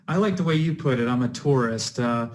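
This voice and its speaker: A man's voice: medium pitch, darkish tone, a little hiss or hum. A man joking in a laid-back way in a casual online video chat.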